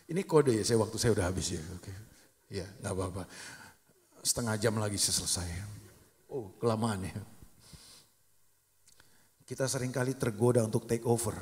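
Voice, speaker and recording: A middle-aged man preaching a sermon as pastor, telling lively stories with acted-out quotes. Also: on the low side. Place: church sanctuary. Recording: long hall reverb.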